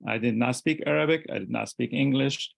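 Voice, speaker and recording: Very gravelly man, chatting casually. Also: mid-range voice, brisk, no echo. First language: French. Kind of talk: casual personal chat.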